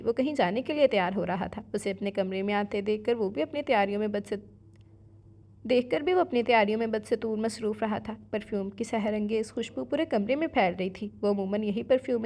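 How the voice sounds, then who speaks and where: A woman narrating a romance novel aloud in a steady, even storytelling manner. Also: a little high.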